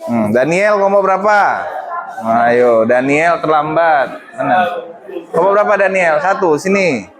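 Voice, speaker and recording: High-voiced male teacher in a classroom. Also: lively intonation, measured pace, noisy background. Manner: mixes English phrases into speech, prompts students. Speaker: English teacher.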